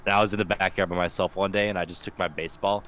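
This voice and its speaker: A young man co-hosting a podcast, talking in an excitable, swearing casual chat. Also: low-pitched, rapid-fire, slight background noise. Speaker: podcast co-host.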